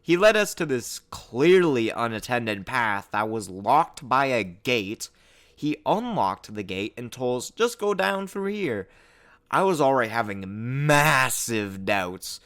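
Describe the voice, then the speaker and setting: A man telling a travel horror story in a storytime narration, profane and animated, getting louder and higher at the scary parts. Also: slow pace. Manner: profane, animated storytelling that climbs loud and high at tense moments. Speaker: storytime YouTuber.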